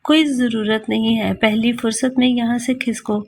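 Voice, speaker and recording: A man's voice: very high voice, flat delivery, normal speed, a little mellow, a little hiss or hum. A woman reading the lines of a dry, teasing older brother in a storybook. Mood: mocking. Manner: mocking, dry.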